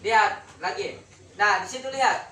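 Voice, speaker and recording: A woman's voice: mid-range voice, moderate pace, sharp tone. A woman teaching a classroom lesson, firing questions at her pupils and repeating key words. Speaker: schoolteacher. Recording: roomy classroom heard from a distance.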